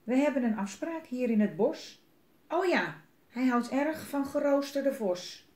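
A woman's voice: high-pitched, animated, a little slow, darkish tone, voice pushed up. A woman voicing a small, clever, boastful mouse in a children's storybook reading, with a cheeky, self-assured manner. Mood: cocky. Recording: roomy echo.

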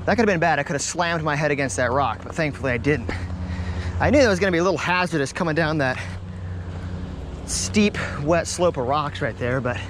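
Young guy fishing vlog, kinda high voice, keeps going oh my word, outdoor action cam with a bit of background noise. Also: a little fast. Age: young adult. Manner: animated, exclaims often. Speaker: fishing vlogger. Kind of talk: excited outdoor vlog commentary. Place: outdoors by a river and creek. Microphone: action camera on the body and at arm's length.

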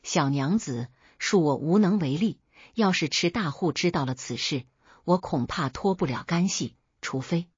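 A woman's voice: low-pitched, lively intonation, moderate pace, slightly rough, no echo, exaggerated voice. A woman voicing a sly, lecherous male night watchman in a storybook tale, speaking with a leer. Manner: leering, sneering. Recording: dull lo-fi dry recording.

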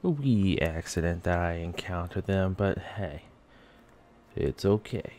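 A man's voice: low voice, lively intonation, unhurried, darkish tone, a little hiss or hum. Chatty man narrating his gameplay. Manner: chatty, talks to the game and his creatures. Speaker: gaming YouTuber. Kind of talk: casual Let's Play commentary. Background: faint game music.

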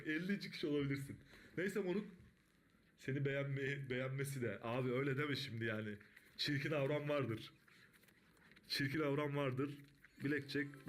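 A man streaming live blackjack, talking to his chat, swearing a lot and breaking into excited shouts. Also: mid-range voice, slight background noise. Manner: profane, bursts into excited shouting.

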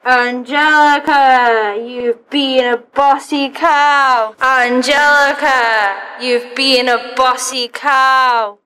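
Woman as female play character, slow delivery, bright high voice, amateur drama, long reverb. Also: steady tone, heavily acted. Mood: eerie taunting. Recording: long reverb, faint background noise.

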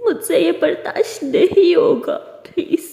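A woman's voice: sits high, steady tone, normal speed, creaky, dark tone. A woman voicing a heartbroken young woman who cries and pleads, repeating her requests again and again. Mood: pleading, tearful. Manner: tearful pleading, repeating "please". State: crying. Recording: echoey room with long reverb.

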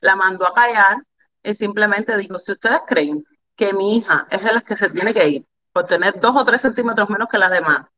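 A woman with a Cuban Spanish accent, a volleyball player telling her life story as an interview guest, candid and animated, repeating phrases for emphasis. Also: medium pitch, normal speed, highs cut off. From Cuba.

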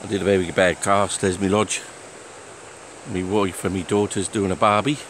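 A plain-spoken man with a lowish voice talks unhurriedly while walking by a lake. He is recorded outdoors on a handheld phone camera, with faint outdoor noise behind him. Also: flat delivery, moderate pace, a bit bright, poor audio. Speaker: angler filming his fishing trip. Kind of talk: casual walk-and-talk vlog.

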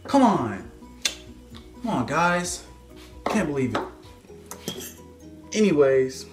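Over music, a young man talks slowly in a slightly high voice with big pitch swings. Playing the expert in a mock-serious cooking video, he moves around his home stove and jokes with viewers. His phone camera stands several feet away, and the kitchen recording is echoey.

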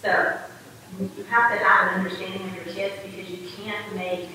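A middle-aged woman teacher speaking in a reflective, measured way in a documentary interview filmed in a classroom. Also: medium pitch, flat delivery, bright, forceful tone, slight background noise. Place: classroom, indoors. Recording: film clip heard from far off in a roomy hall.

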